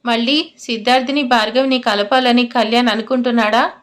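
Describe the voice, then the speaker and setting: A woman narrating an episodic love story in a steady, expressive storybook manner. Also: a little high, brisk. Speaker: voice-over narrator.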